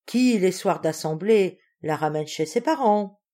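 A clever spinster mistress speaks in a gentle, persuasive, reasoning tone, voiced by a woman reading a story aloud. Her voice sits a bit higher than the narration. She sounds calm and quietly manipulative. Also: unhurried. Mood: coaxing. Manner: soft, coaxing and reasoning.

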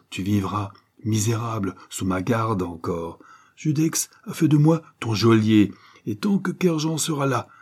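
A man's voice: fairly low pitch, mellow, slightly rough. A man voicing a stern, wrathful older former convict who accuses in a thundering way, read as an audiobook. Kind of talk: audiobook reading.

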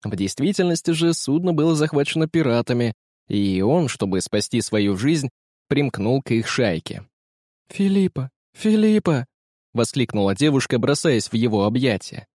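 A man reading an adventure story aloud in an even, steady narrating voice. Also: mid-range voice, normal speed, no echo, studio quality. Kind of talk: scripted audiobook narration.

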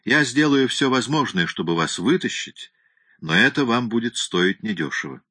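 A man voicing a frank, firm middle-aged male lawyer who speaks straight without softening his words. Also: mid-range voice, animated, normal speed, breathy edge, dry recording.

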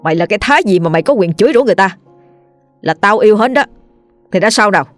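A woman's voice: medium pitch, lively intonation, fast, no room sound, soft background music, natural voice. A woman voicing a violent young husband who hurls contemptuous abuse at his wife, in a narrated ghost story. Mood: raging.

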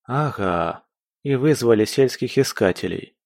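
A man's voice: mid-range voice, lively intonation, a little slow, vocal fry, darkish tone, no echo, clean studio sound. A man voicing a young male monster hunter who grumbles wryly and sounds irritated. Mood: wry grumbling.

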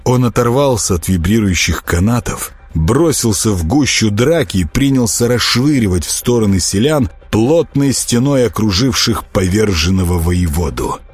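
A man narrating an audiobook in an expressive storytelling manner. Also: fairly low pitch, normal speed, hardly any pauses, husky, no echo. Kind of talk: scripted narration.

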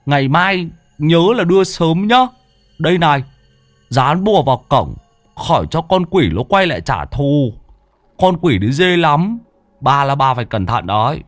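A man voicing a brisk, teasing old male exorcist, chiding and joking. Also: a little high, expressive, dry recording, soft background music, pitched above the performer's own voice. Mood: bantering.

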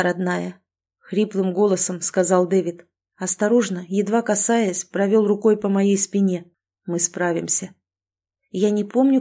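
A woman reading a first-person audiobook narration in a steady, even way. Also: medium pitch.

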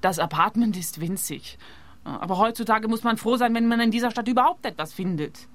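An actress playing a cool, flippant young student under suspicion in a radio crime drama, with blunt, unfazed delivery. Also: female voice, on the high side, brisk, natural voice. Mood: cynical.

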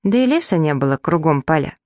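A woman narrating a children's audiobook in the first person, lively and acting out the dialogue. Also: low voice, brisk, dry recording. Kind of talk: children's story reading.

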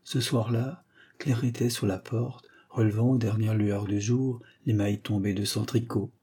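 A man calmly reading a short story aloud as narrator, in a measured way. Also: on the low side, slightly rough.

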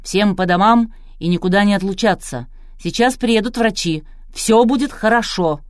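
A woman voicing a bossy male producer who barks loud commands in an audiobook. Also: mid-range voice, normal speed, no echo, studio quality, voice pushed up, natural voice. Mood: commanding. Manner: barking, forceful commands.

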